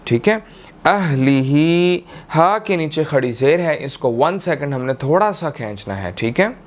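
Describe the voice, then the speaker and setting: A man with a Pakistani Urdu accent teaching tajweed, chanting verses in long drawn-out tones and then explaining each rule briskly, often checking in with "theek hai". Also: a little high, big pitch swings. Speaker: Quran recitation teacher. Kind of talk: tajweed lesson, slow chanted recitation then quick explanation.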